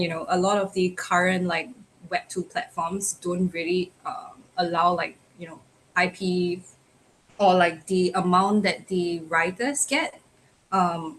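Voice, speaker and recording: Woman on a stream, kinda low voice, lots of um and like, bit of faint background hiss. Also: fairly bright tone, rough recording. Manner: casual, hesitant, many fillers. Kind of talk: livestream chat.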